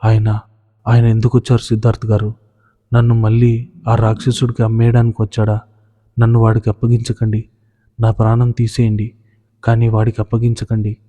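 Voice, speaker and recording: Casting: pleading, sobbing young woman, read by a man, deep flat tone, long reverb. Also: normal speed, pauses often, natural voice. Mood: desperate pleading. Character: terrified young woman fleeing a forced marriage.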